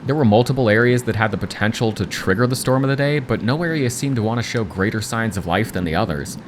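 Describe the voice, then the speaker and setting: A man with a very low voice narrates a storm-chasing story in a scripted, reflective style. Clear vehicle noise runs behind his words. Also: expressive, fast.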